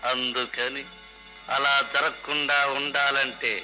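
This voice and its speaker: Bright-voiced bandit chief. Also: male voice, mid-range voice, level tone, slow pace, soft background music, poor audio. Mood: scheming. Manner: commanding, menacing, gloating laughs. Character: ruthless male bandit chief, scheming, domineering. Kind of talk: 1970s Telugu film acting.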